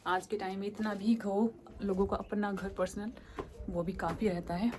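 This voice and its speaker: A woman talks casually to her viewers while she walks a phone camera through a family home. Her voice sits at a middle pitch. A faint noise runs under the recording. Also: fairly even intonation, normal speed, a little mellow. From Himachal Pradesh, India. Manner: chatty, walking and showing rooms. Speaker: vlogger. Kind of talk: casual home tour vlog. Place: house and rooftop in a hill village.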